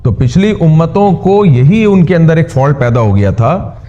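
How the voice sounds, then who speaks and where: A man's voice: fairly high pitch, expressive, normal speed, dark tone, soft background music. A man, an Islamic preacher, giving a conversational sermon with a wry, sometimes mocking manner. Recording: dull lo-fi recording.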